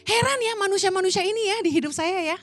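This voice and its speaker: Chatty high-voiced woman preacher. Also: fast talker. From Indonesia. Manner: chatty, colloquial, acts out quoted voices. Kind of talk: casual storytelling sermon.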